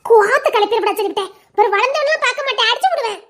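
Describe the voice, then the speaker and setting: Woman playing a feisty village girl, super squeaky high voice, rattles off teasing lines fast, audio drama. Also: a bit bright. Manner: rapid rural chatter, giggly, mock threats. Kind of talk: Tamil audio love drama.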